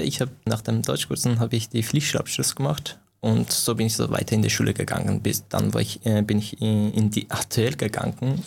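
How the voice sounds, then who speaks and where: This young man from Iran, a native Farsi speaker, gives casual interview answers in a gravelly, fairly low and slightly mellow voice. He tends to halt, search for the right words, and restart often.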